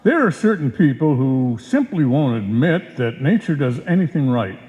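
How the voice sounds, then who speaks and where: A man's voice: medium pitch, very animated, normal speed, darkish tone, soft background music, lightly acted. A man playing a genial 1940s radio announcer, delivering a scripted show introduction in a presentational style. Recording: muffled live stage recording, echoey hall.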